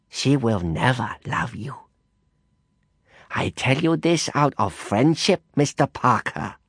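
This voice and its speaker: A man's voice: medium pitch, a bit bright, dry recording, clean studio sound. A man voicing a silky, menacing madam. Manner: slow, theatrical, sweetly threatening. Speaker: narrator voicing a character.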